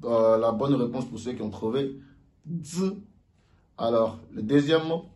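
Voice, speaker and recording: A man giving a casual video lesson, slowly repeating sounds for learners to copy. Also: mid-range voice, a little mellow. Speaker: language teacher.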